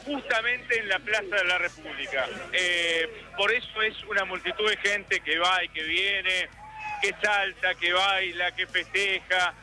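A man reporting live for radio from a crowded city square, asking passers-by quick questions. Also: high-pitched, bright, forceful tone, faint music behind, low-quality recording. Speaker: street reporter.

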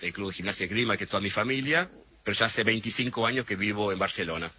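A middle-aged man explains things at length, hesitating now and then as he works through his point. His voice is husky, with a bright, forward edge. The sound comes through a dull, lo-fi remote line. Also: on the low side, fast talker, no echo. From Argentina. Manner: thoughtful, explanatory, frequent hesitations. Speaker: interview guest. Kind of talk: radio interview over a remote line.

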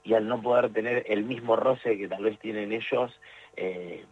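A man's voice: on the low side, fairly even intonation, a little slow, slightly rough, narrow, tinny audio. A young man with an Argentine accent, answering interview questions about his sport, hesitant with many fillers and restarts. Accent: Argentine Spanish. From Tierra del Fuego, Argentina. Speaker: jiu-jitsu competitor.

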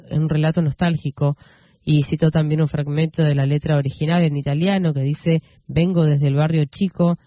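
A man, hosting and reading news commentary, unhurried and full of fillers and self-corrections. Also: on the high side, dark tone, no room sound, clean studio sound. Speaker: radio host.

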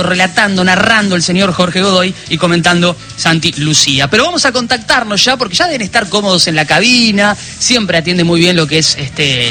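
A man's voice: sits high, bright, forceful tone. A man with an Argentine accent hosting a live sports radio show, linking segments in chatty talk full of fillers. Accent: Argentine Spanish. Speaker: studio radio host.

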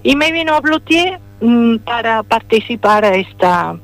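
A woman from Rome with an Italian accent speaks Spanish as a non-native speaker, a playwright and poet giving a radio interview while pausing often to search for words. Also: a little high, expressive, a bit bright. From Italy, Rome. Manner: hesitant, searching for words with many fillers.

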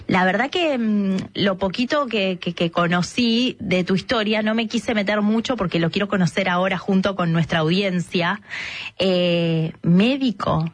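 A woman's voice: mid-range voice, a little slow. A woman with an Argentine accent hosting a radio interview, friendly and chatty. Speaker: radio host.

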